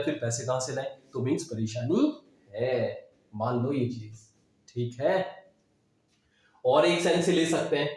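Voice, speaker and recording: A man with a somewhat high voice teaches English vocabulary, building memory tricks for each word and checking in with his students again and again. He is recorded in a very echoey room that rings around every word. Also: darkish tone. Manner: explains with mnemonics, frequent "है ना?" check-ins. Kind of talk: classroom-style vocabulary lesson.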